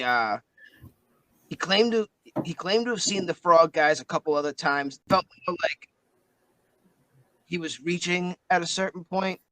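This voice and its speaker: A man's voice: a little high, fairly bright tone, no room sound, close to an everyday voice, poor audio. A man playing a hesitant, rambling adult son who speaks of his late father in a tabletop game.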